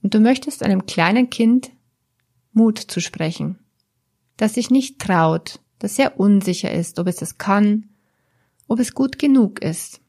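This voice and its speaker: A woman coach speaking to the listener in a calm, gentle way, guiding them through their thoughts step by step. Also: medium pitch, a little slow. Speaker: therapist or coach. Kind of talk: slow, guiding talk to the listener.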